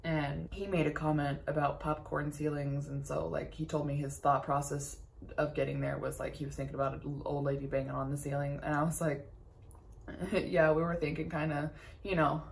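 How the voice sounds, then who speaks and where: A woman's voice: deep voice, level tone, moderate pace, creaky. A young woman from Texas talking candidly through grief in a tearful, shaky voice, swearing often as she rambles. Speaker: vlogger. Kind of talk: personal confessional talk.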